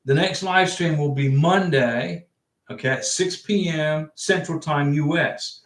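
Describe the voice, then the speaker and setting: A man's voice: on the high side, unhurried. A man hosting a casual livestream, reading viewer questions aloud and answering in a chatty, rambling way. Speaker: livestream host giving immigration advice. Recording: echoey room.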